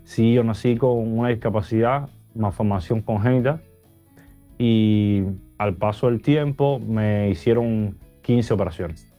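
A man, giving earnest, halting interview answers full of restarts. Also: fairly low pitch, warm tone, soft background music. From Cuba. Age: 30s. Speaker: guest.

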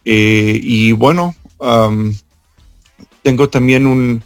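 A man from Israel, a tour guide, answering interview questions over an international phone call, speaking haltingly and pausing often. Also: medium pitch, fairly even intonation, smooth, dry recording, faint music behind. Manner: halting, with frequent hesitation fillers.

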